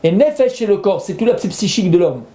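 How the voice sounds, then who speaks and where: A male rabbi delivers a Torah lesson in a high, soft-edged voice. He explains patiently, circling back to rephrase each idea. The sound carries the echo of a reverberant room. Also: very animated, quick pace. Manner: explains patiently, repeats and rephrases points, slips in Hebrew terms.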